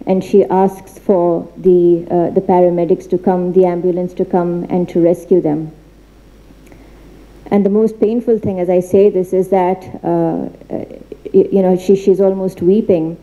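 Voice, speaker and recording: Woman seminar speaker, low and very dark voice, earnest, hesitant delivery with many restarts. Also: low-quality recording. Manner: earnest, halting with frequent fillers and restarts. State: becoming emotional. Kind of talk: formal seminar talk with slides. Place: institute library.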